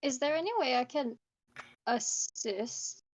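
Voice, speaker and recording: A woman's voice: high voice, slow pace, low-quality recording. A woman player in a tabletop role-playing game, playfully describing what her character does. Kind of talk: casual play chat.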